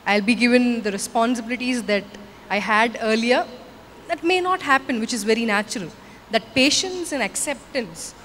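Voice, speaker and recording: A woman in her thirties speaking on a conference panel, measured and full of "uh" pauses, into a handheld mic. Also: on the high side. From India. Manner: measured, frequent "uh" fillers. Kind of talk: panel discussion answers. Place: large conference stage. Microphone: handheld microphone. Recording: stage hall with long reverb, faint noise.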